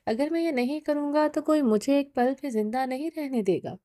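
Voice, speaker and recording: Lady reading as a hard mafia boss guy, firm and pressing, highish mellow voice, storybook reading. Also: no room sound, natural voice. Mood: stern, pleading. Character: ruthless young mafia boss man, tender to wife.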